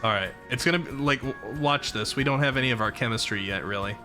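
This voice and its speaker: A man's voice: mid-range voice, fast talker, bright, forceful tone. A man hosting a livestream, commenting casually on old clips in a playful, self-mocking way. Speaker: streamer, host. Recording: faint music behind voice.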